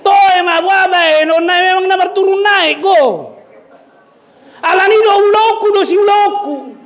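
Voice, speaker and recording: A male pastor preaching a sermon, animated and switching between shouted exhortation and joking asides. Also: very high voice, a little slow, some chatter behind.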